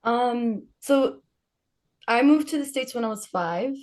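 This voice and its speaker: Telling personal stories on a podcast, a guest from Palestine keeps things casual and informal, with lots of laughter. Her voice is on the high side with a darkish tone, animated yet slow.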